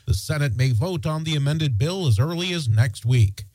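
A man's voice: on the high side, expressive, normal speed, dark tone, no room sound. A man reading a scripted radio news bulletin in a matter-of-fact way. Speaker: news anchor.

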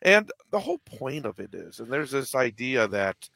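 A man's voice: medium pitch, sing-song, normal speed, vocal fry, bright, forceful tone, no room sound. A man, a local sports radio announcer, chatting as a guest in a rambling way with many restarts. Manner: rambling, lots of restarts and fillers. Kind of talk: casual radio chat.

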